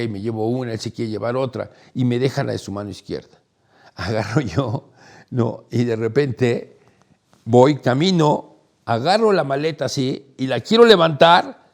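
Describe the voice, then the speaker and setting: A middle-aged man, hosting and telling a personal story in a casual, animated way. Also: fairly high pitch, vocal fry. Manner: animated, acts out quoted voices, laughs while telling. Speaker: host, storyteller.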